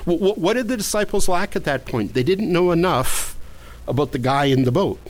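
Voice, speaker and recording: A man's voice: fairly high pitch, expressive, fairly quick, rough recording. A man preaching a sermon as pastor, earnest, often stumbling and repeating the first words of his sentences.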